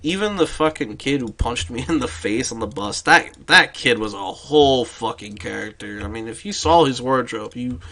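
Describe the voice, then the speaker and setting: A man's voice: medium pitch, animated, normal speed, hardly any pauses, bright, forceful tone. A tired young man streaming late at night, rambling casually and swearing often as he talks. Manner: rambling, sweary, with many restarts.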